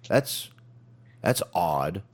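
A man's voice: sits low, sing-song, very slow, husky. A man co-hosting a wrestling podcast in casual chat, blunt and profane, rambling with frequent restarts.

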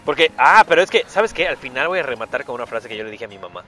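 A bright, lively man in his forties, joking casually as a podcast co-host. His pitch swings widely as he talks, and soft music plays in the background. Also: quick pace. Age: 40s. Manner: joking, animated, breaks into laughter. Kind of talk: casual chat.

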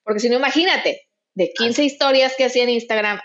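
Mexican woman, forties, frank podcast guest, slightly high voice, dull lo-fi sound. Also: fast talker, fairly bright tone. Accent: Mexican Spanish. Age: 40s. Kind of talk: casual podcast chat.

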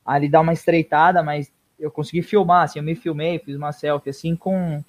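High-voiced man telling a story. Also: fairly quick. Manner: animated storyteller, swears casually, trails off softly. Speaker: guest runner. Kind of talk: casual storytelling interview.

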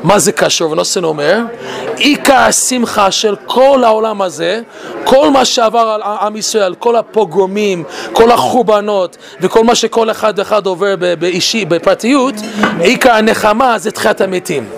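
A man giving an animated Torah talk. He laughs often and asks many rhetorical questions. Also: high voice, gravelly. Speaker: Torah teacher.

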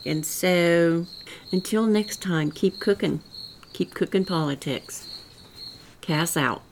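Slowly and in a lowish voice, an older woman with a rural Missouri accent rambles through a folksy, earnest solo political commentary on her own podcast. She is from rural Southwest Missouri, and slight background noise runs underneath.

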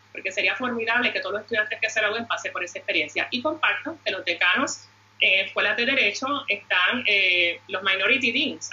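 A woman's voice: on the high side, pushed and bright, dull audio, a little hiss or hum. A woman with a Puerto Rican Caribbean Spanish accent giving formal, advocating remarks as a panelist. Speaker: law school dean and panelist.

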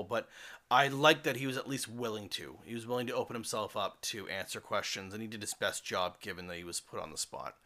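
Bright-voiced man hosting a solo podcast. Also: medium pitch. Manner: rambling, casual, many fillers and restarts. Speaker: podcast host.

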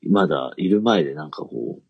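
A man's voice: low voice, expressive, fairly quick, creaky, breathy edge, dry recording, lo-fi sound. A man co-hosting a podcast, telling an anecdote in casual chat, rambling with many fillers and restarts. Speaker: podcast co-host.

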